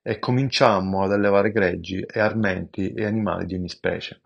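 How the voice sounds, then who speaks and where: Low-voiced man reading scripture reverently. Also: steady tone, creaky, muffled recording. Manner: slow, measured, reverent reading with occasional stumbles. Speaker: amateur scripture reader.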